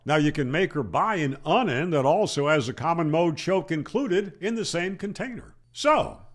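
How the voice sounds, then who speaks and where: With his voice sitting on the high side, a man over sixty who hosts an amateur radio channel teaches through an explanatory tutorial. He talks emphatically, poses rhetorical questions and repeats himself for effect. The recording comes from a small plain indoor room via a close desk mic on a boom arm.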